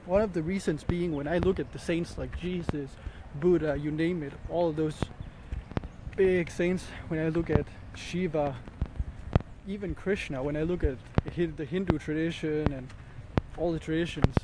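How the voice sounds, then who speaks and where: Walking outdoors through a rainy jungle, a man who's a bit sick with an ear infection vlogs in a casual, rambling way, reflecting and often hunting for the right word. He speaks unhurriedly in a fairly high voice, over faint outdoor ambience and ambient noise.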